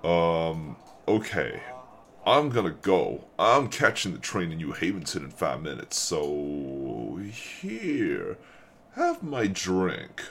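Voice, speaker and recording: A man's voice: sits low, wildly swooping pitch, slow pace, full character voice. A man voicing an awkward male tourist who hesitates and tries to leave a bar. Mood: uneasy.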